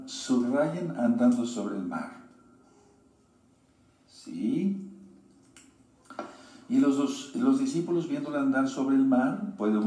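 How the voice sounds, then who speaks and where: A man teaching scripture in a slow, deliberate sermon style, pausing to have his listeners underline verses. His voice is dark and mellow. It sounds echoey, as if picked up from a distance in a roomy space. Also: medium pitch. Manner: slow, deliberate reading with repeated instructions to underline. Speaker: Bible teacher. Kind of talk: sermon-style Bible study.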